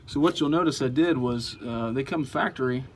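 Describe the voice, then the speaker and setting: A truck owner explains an outdoor install at a normal pace in a mid-range voice, keeping things relaxed and folksy. He uses "uh" often, and slight background noise can be heard.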